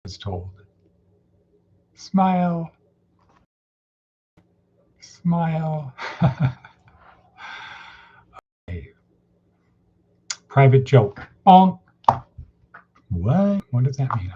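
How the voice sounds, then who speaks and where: Low-voiced male teacher, dull lo-fi sound. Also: warm tone. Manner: repeats words and asks rhetorical questions. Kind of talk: informal daily class talk. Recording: dull lo-fi with faint noise.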